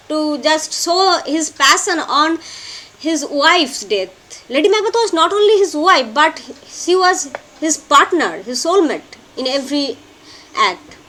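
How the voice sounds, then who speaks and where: A woman lectures on a classic play. Her voice sits high and swings widely in pitch. She moves slowly and repeats key phrases so students can take notes. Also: bright, forceful tone. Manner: slow, emphatic, repeats key phrases for note-taking. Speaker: literature teacher. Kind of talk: lecture explaining a play line by line.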